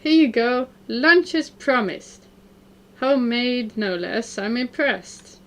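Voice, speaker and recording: A woman's voice: on the high side, lively intonation, takes it slowly, fairly bright tone. A woman voicing a cheerful, sporty teenage girl in a visual novel, in an upbeat, bubbly manner.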